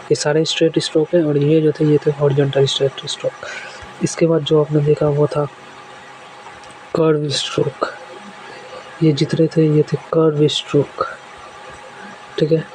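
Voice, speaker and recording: Male shorthand teacher, steady monotone, patient repetition, light background noise. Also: fairly high pitch, rough recording. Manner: repeats examples patiently, step by step. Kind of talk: classroom lesson explaining strokes.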